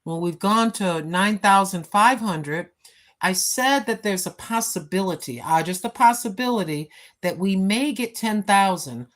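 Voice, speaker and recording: This American woman in her sixties has an expressive mid-range voice and speaks at a measured pace while livestreaming from home on her phone. Sitting down, she chats casually and rambles with plenty of fillers, speaking right to her viewers.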